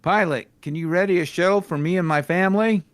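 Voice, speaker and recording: A man's voice: high voice, brisk, no room sound, natural voice. A man doing a flustered grown son. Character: adult son, flustered and calm. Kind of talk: comedic fanfiction reading.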